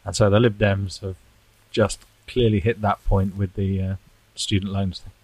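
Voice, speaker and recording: A man chats on a political podcast in a low, rambling voice. He is self-deprecating and chuckles often. The sound is dry and close, with no room around him. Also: flat delivery, normal speed, a little mellow, husky, dry recording, low-quality recording. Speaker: podcast co-host. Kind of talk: casual political chat.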